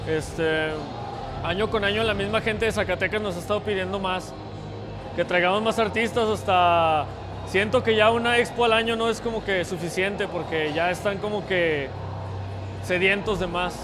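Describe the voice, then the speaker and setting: A young man is interviewed for a news report inside a convention hall. He talks in a relaxed way with a rather high voice, and background music runs clearly under his words. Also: moderate pace. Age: young adult. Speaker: event organizer.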